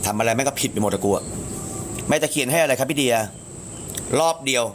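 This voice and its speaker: A man chatting casually on a live stream, crude and talkative, jumping to a higher voice when he quotes others. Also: fairly quick, a little hiss or hum.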